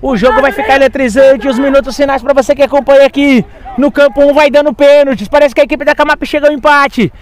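A man's voice: steady tone, fast. A Brazilian man calling a football match live, play by play, as its commentator. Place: small outdoor grass football ground, at the touchline. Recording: outdoor pitch, faint crowd noise.

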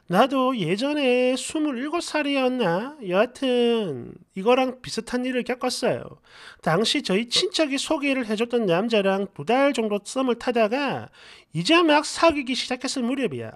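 A woman reading viewer comments aloud for a story channel, with brash, slangy, mocking remarks. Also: fairly high pitch. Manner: lively, animated delivery.

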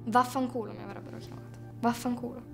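A chatty young woman with a fairly high voice confides in the camera in a mockumentary interview. Faint music plays behind her. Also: level tone, fast, fairly bright tone. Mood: confiding. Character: chatty young woman, child of party members.

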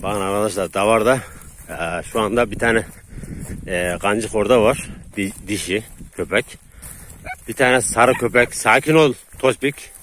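A man casually talking to viewers while herding sheep with his dogs outdoors, laughing often and calmly calming the dogs. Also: on the low side, a little slow. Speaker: shepherd vlogger. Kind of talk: casual outdoor vlog narration. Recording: outdoor noise, wind and animals.

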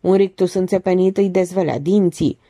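A woman narrating an audiobook with expressive, measured storytelling. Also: on the low side. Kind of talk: audiobook reading.

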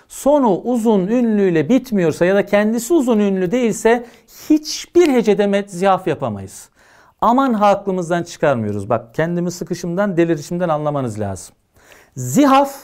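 A man's voice: high-pitched, a little mellow. A man lecturing students on poetic meter for an exam, emphatic and often checking that they follow. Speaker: teacher.

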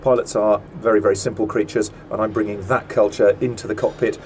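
A middle-aged man, a land speed record driver, gives a methodical, measured cockpit tour with frequent ums and uhs. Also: lowish voice, level tone, a little mellow, slight background noise. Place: seated in a car cockpit inside a large workshop. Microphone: small camera mounted in the cockpit.

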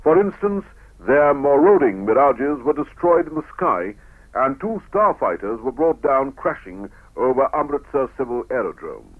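A male narrator delivers formal, declamatory newsreel copy in a steady, mid-range voice. The audio has the thin, boxy, narrow-band sound of an old 1970s radio newsreel. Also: medium pitch, normal speed.

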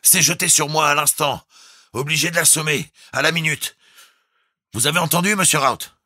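Guy doing a clipped high-pitched sea captain, talks in bits of sentences, raspy, dry close sound. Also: expressive, moderate pace, bright, forceful tone, no room sound, exaggerated voice. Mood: terse, steady. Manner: clipped telegraphic phrases, words spaced out. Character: stolid terse male ship captain in a storm.

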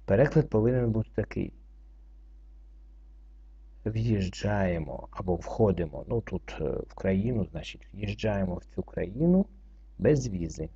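A man teaching French reading, going through it slowly word by word and spelling out letters and rules. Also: on the low side, animated, vocal fry, dark tone, breathy edge. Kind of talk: slow word-by-word reading lesson. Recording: dull lo-fi recording.

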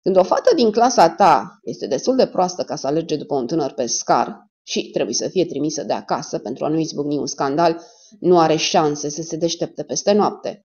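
A woman's voice: deep voice, animated, darkish tone, husky. A woman voicing a cool, blunt male private detective who gives clipped orders. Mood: cold. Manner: cold and clipped, giving orders. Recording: dull lo-fi audio.

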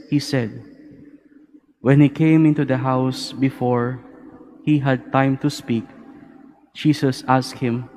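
A man with a Filipino accent, a priest reading the gospel and preaching at Mass in a slow, measured way, his voice ringing with cathedral echo. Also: mid-range voice, warm tone. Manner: slow, measured liturgical delivery. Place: large cathedral. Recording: long cathedral reverb, faint hum.

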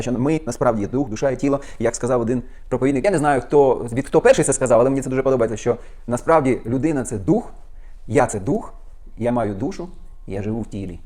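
Fast, fervent preaching man. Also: medium pitch, darkish tone. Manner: fervent, quick preaching with rhetorical questions; reads scripture aloud and comments on it. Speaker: pastor. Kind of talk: sermon.

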